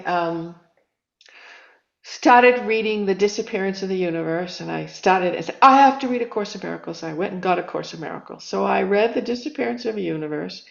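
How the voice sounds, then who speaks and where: A woman's voice: medium pitch, gravelly. A woman author, a guest in an interview, talking earnestly about spiritual ideas and illustrating them with everyday examples and quoted self-talk. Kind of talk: reflective spiritual conversation. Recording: roomy, slightly dull recording.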